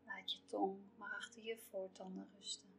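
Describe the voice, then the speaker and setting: Female meditation narrator: soft, breathy half-whisper, steady and even, bright tone, soothing measured phrasing. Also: mid-range voice, slight background noise. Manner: slow, measured, calming phrasing with pauses. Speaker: guided relaxation narrator for pregnancy. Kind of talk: scripted guided relaxation meditation. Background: soft music.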